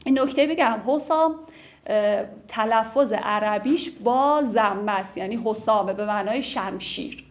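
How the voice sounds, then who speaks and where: A woman teaching classical poetry, explaining the lines in a chatty way and reciting the verses slowly and with care. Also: mid-range voice. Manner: slow, measured recitation of verse, lively conversational explanation.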